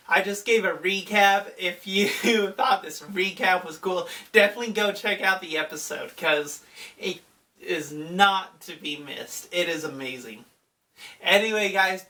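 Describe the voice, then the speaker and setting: Give me an enthusiastic man doing a slow, rambling anime recap, set back from the mic. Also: high-pitched, bright, forceful tone. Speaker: anime YouTuber. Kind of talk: casual episode recap. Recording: voice distant from the mic.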